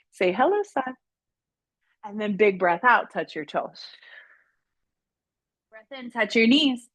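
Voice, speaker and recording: A woman yoga instructor gently guiding children and families through poses, with playful, encouraging cues. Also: medium pitch, dry recording. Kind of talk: guided kids' yoga instruction.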